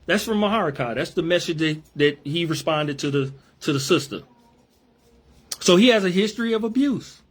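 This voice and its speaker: A man's voice: fairly high pitch, expressive, moderate pace. A man reading out messages and commenting on them emphatically, repeating his points in casual slang. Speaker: religious commentator.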